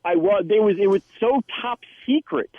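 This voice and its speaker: Actor guy telling stories on a tinny dry phone-like line, kinda high voice. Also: normal speed, dry recording. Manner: animated storyteller, quotes others. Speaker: actor and guest. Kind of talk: casual interview chat.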